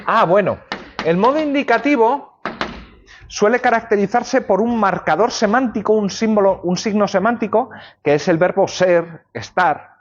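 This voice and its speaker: On a dull lo-fi classroom recording, a male law lecturer speaks at normal speed in a voice that sits high. He gives a university class, illustrating concepts with everyday examples and checking in with his students.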